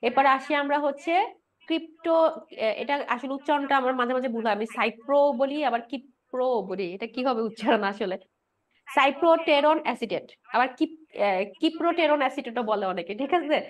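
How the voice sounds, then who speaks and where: Fast, high-voiced woman lecturer quizzing her class. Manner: asks the class rhetorical questions and answers them herself; repeats key points and tags them with a checking "right?". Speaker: pharmacology lecturer. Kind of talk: explanatory lecture with quiz questions.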